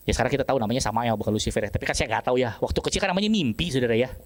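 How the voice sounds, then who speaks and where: Lively storytelling male pastor. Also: mid-range voice, racing. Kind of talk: storytelling sermon.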